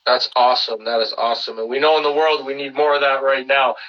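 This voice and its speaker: A man's voice: medium pitch, flat delivery, quick pace, far from the mic, muffled recording. A man from Canada hosting a casual remote podcast interview, friendly and rambling with lots of fillers. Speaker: podcast host.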